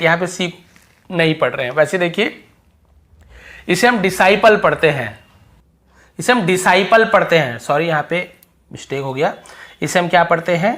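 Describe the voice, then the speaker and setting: A man's voice: sits high, animated, moderate pace, pauses often, a bit bright. A man teaching English pronunciation, repeating example words and answering his own questions. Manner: repetitive, drills words aloud, asks and answers own questions. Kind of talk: spoken English lesson on silent letters.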